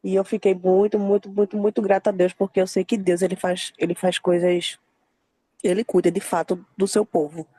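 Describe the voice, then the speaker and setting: Woman telling a lively testimony. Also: mid-range voice, moderate pace, dry recording. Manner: lively storytelling, acting out quoted dialogue. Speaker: participant sharing a testimony. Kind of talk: emotional faith testimony in a group call.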